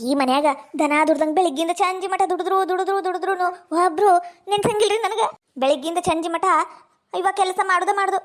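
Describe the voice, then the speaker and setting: A woman's voice: extremely high pitch, fairly quick. A woman voicing a chirpy young village daughter-in-law. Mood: grateful. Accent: North Karnataka Kannada. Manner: chatty, exclaiming, rustic village talk. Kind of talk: comic cartoon voice acting.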